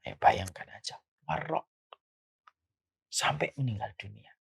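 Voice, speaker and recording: A man's voice: medium pitch, a little slow, gravelly, breathy edge. A man giving a religious lecture as a preacher, asking rhetorical questions as he goes. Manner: animated, rising and falling delivery with rhetorical questions.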